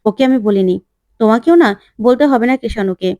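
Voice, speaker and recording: A woman's voice: fairly high pitch, brisk, darkish tone, no room sound, studio quality, natural voice. A woman voicing a weary, unwell young bride-to-be in a retold TV serial, tired and defensive.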